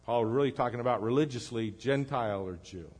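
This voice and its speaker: A man preaching a sermon as pastor, earnest, swinging between emphatic lines and low, quiet ones. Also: fairly quick. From United States.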